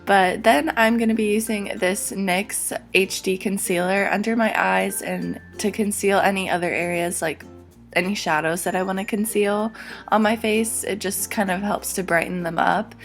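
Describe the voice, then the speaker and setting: A young woman with a hoarse, slightly sick voice, chatting through a makeup tutorial as a beauty vlogger. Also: mid-range voice, steady tone, normal speed, soft background music. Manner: chatty, upbeat product talk with many "like"s.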